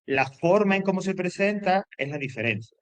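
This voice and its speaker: A man's voice: high-pitched, animated, normal speed, no echo. A man teaching a grammar lesson, explaining with repetition and frequent check-ins with his students. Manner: loose, hesitant phrasing with fillers and restarts.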